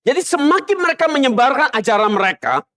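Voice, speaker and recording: A man preaching a sermon as pastor, emphatic and swinging between loud stresses and low murmurs. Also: sing-song, quick pace. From Indonesia. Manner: mocks other preachers in a soft mimicking voice. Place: church.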